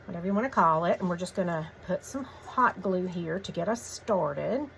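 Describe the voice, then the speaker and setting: A woman hosts a craft tutorial, giving relaxed, chatty step-by-step instructions in a lowish voice at a moderate pace. Her voice is a little croaky from a cold, and there is slight background noise.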